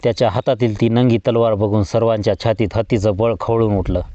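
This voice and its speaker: A man giving a measured, literary reading of a novel as an audiobook storyteller. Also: on the low side, level tone, mellow, no room sound. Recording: dull lo-fi dry recording.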